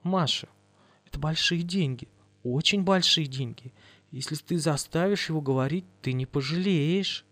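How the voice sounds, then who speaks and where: A man's voice: expressive, moderate pace, no echo. Man voicing Lisa, a wheedling desperate woman. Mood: coaxing. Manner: wheedling, high-pitched pleading. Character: pleading scheming blonde woman, desperate for money.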